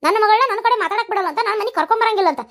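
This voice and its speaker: Woman as a squeaky, bright-voiced nagging wife, North Karnataka Kannada accent, cartoon comedy, rattles on fast. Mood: angry, defensive. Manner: nagging, scolding rapid-fire.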